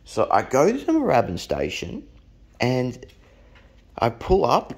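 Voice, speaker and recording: A man's voice: mid-range voice, huge pitch swings, unhurried, gravelly, darkish tone, husky. An Australian man telling a blunt, profane anecdote in a rambling, casual way. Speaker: storyteller.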